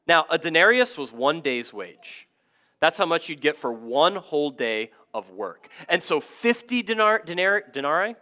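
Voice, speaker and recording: A man in his thirties preaching a sermon as pastor, energetic and conversational, with asides and self-deprecating stories. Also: a little high, unhurried.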